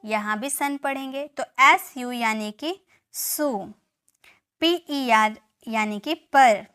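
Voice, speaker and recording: A woman with a high, bright voice teaches English spelling. She spells each word out letter by letter and repeats it, speaking directly to her viewers. Her tone is clear and sharp, and she keeps checking that they have followed. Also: slow. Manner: spells words letter by letter and repeats them, with frequent check-ins. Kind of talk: classroom-style spelling lesson.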